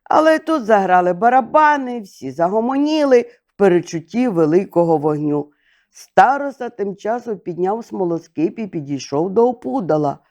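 An older woman reading a fairy tale aloud as a bedtime storyteller, slow, gentle and expressive. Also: medium pitch.

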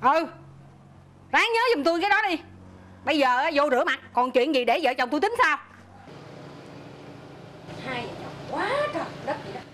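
A woman's voice: high-pitched, lively intonation, normal speed, long pauses, fairly bright tone. A lecturing motherly neighbor. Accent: Southern Vietnamese. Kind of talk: rural comedy film acting.

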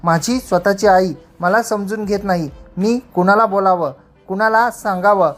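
A woman's voice: mid-range voice, fairly even intonation, normal speed, soft background music, lightly acted. A woman voicing a frightened young village girl pleading her innocence in rustic speech.

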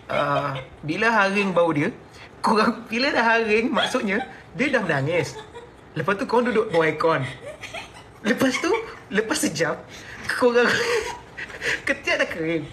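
A Malaysian man with a Malaysian Malay accent speaks in a high, slightly bright voice over faint background noise. As a celebrity endorser, he chats in a playful, over-the-top comic style, laughing often while promoting a product in a funny sponsored segment.

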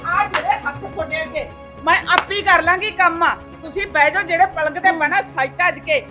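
A middle-aged woman playing a mother-in-law who loudly scolds her quarrelling daughters-in-law. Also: very high voice, a little fast, faint music behind. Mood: scolding. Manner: loud, scolding, sharp-tongued. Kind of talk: village family drama acting.

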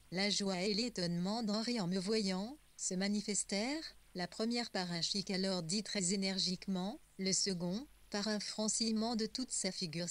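A woman reading a first-person novel as an audiobook, in a measured storytelling voice. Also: medium pitch, a bit bright. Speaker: audiobook narrator. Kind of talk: first-person literary narration.

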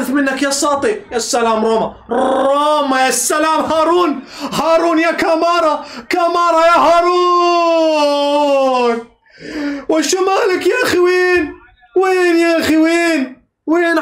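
A man giving excitable live match reaction commentary, cheering players on, shouting and repeating phrases. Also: very high-pitched. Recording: echoey room.

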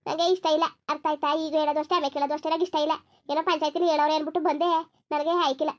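A woman voicing a fiery young village bride in a cartoon, scolding in rapid-fire retorts with a rural Karnataka Kannada accent. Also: sits high, little pitch movement, close to an everyday voice. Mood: angry defiant. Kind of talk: cartoon voice acting.

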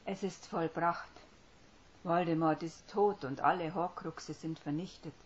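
A woman voicing an earnest, tearful young witch who speaks in an urgent, hushed and choked way. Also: fairly low pitch, steady tone, normal speed, voice pushed up, lightly acted. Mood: firm, fervent. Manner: earnest, by turns hushed and fervent. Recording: dull lo-fi recording.

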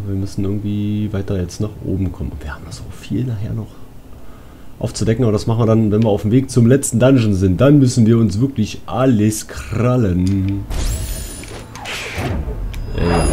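This let's player's voice is lowish and dark, at a normal pace, with a bit of hiss or hum in the audio. He casually comments on his game, talking to himself and swearing crudely as game music plays.

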